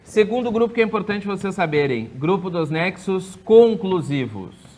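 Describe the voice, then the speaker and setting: A man teaching a grammar lesson for an exam, drilling rules with quick yes-or-no questions and drawing out key words slowly. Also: sits high, sing-song, a little mellow.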